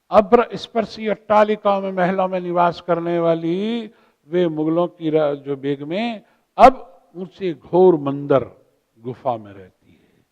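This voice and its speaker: A man's voice: high voice, a little mellow. A middle-aged man teaching a lecture on Hindi figures of speech, explaining by repeating phrases and reciting verse examples. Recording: dull lo-fi with long hall reverb.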